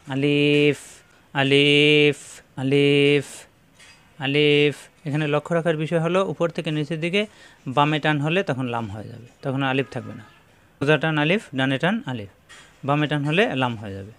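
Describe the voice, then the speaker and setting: A man teaching Quran reading, explaining each Arabic letter and saying its name again and again in a slow, instructive way. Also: mid-range voice. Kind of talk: step-by-step letter pronunciation lesson.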